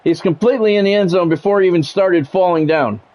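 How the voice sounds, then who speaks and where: Quick and high-pitched, this middle-aged game streamer does play-by-play for a football game while chatting casually, blunt and profane throughout. The audio has its high frequencies cut off.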